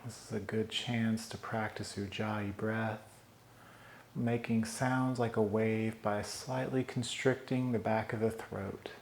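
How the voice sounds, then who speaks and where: A man guides a meditation in a slow, soothing voice of middle pitch. He leaves long pauses between calm breathing instructions. The recording has a roomy echo with a faint ambient hum behind it. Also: vocal fry.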